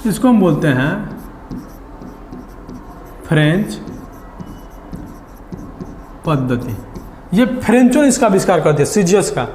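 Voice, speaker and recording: A man teaching a lesson, asking questions and answering them himself, repeating key words slowly. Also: high-pitched, sing-song, darkish tone, slight background noise. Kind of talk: classroom lecture. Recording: echoey hall.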